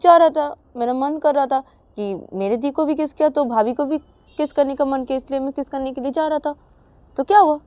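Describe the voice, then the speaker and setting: A woman's voice: sits high, brisk, dark tone, no echo, pitched above the performer's own voice, natural voice. Woman playing a pleading, teasing kid brother. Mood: defensive. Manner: pleading, defensive, stammering. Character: teasing playful younger brother, young man.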